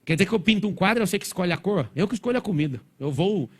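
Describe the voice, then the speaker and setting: Man, motivational speaker on stage; fast, slightly high voice; blunt, provocative delivery to a live crowd. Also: lively intonation, slightly rough. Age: adult, father of four. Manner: blunt, provocative, rapid-fire.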